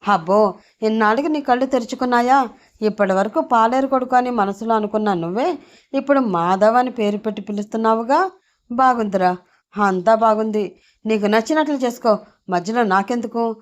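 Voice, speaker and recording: A woman voicing a sharp-tongued old grandmother who scolds without stopping, in a storybook reading. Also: fairly quick, natural voice. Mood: angry scolding. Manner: shrill, scolding nonstop.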